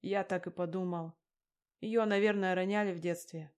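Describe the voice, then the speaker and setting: A menacing gangster man from an audiobook, put on by a woman narrator. He talks down to everyone with a mocking, threatening edge. The voice sits slightly low. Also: fairly even intonation, normal speed, darkish tone, lightly acted. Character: menacing male gangster lender, cold and crude. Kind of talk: audiobook character reading.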